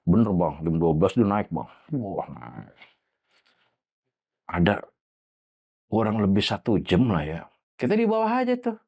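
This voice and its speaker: A man telling a story as a guest, in casual, animated storytelling with acted voices and sound effects. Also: sits low, a little slow, pauses often, husky.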